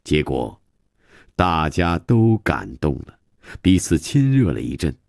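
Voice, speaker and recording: A man reading a novel aloud as a radio storyteller, with calm, measured narration. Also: very deep voice, creaky, no echo, clean studio sound.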